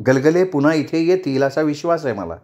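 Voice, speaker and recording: A man's voice: on the high side, lively intonation, brisk, darkish tone, close to an everyday voice. A man voicing a confident, proud woman politician in a storybook reading, firm and cutting. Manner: firm, cutting, self-assured.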